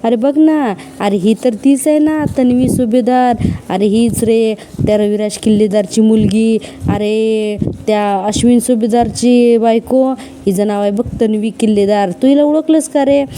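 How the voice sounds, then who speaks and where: A woman's voice: mid-range voice, little pitch movement, moderate pace, background noise, lightly acted. A woman voicing a gloating male villain from a television serial, mocking a captive with sneering questions. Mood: taunting.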